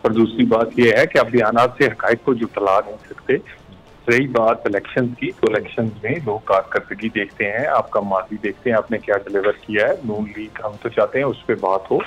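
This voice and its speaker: A man debating as a politician, rebutting firmly in measured sentences. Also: on the low side, steady tone, husky. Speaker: politician guest. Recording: muffled remote line with faint music.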